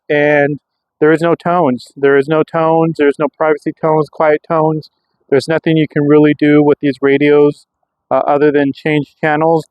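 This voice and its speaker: Fairly high-pitched, this American man narrates a casual, unscripted vlog while testing gear, rambling and thinking out loud. The clip-on mic gives a lo-fi sound with slight background noise.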